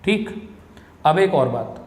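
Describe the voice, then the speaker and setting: A man's voice: sits high, moderate pace, darkish tone. Male teacher lecturing in an echoey classroom. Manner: addresses students as "beta", asks the class questions. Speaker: commerce teacher. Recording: echoey classroom with long reverb.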